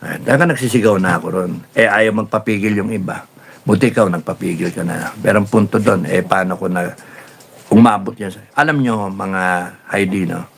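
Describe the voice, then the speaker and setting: A man hosting a casual live stream, reading viewer comments and telling stories in a rambling, animated way with many fillers. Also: lowish voice, brisk, vocal fry, husky. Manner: rambling, animated storytelling with laughs and repeated fillers.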